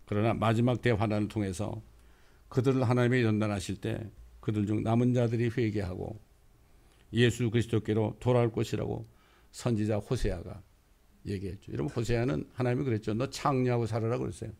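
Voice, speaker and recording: Gravelly-voiced man preaching a sermon. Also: on the low side, fairly even intonation, a little fast. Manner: storytelling preacher, bursts into loud quoted lines. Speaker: pastor.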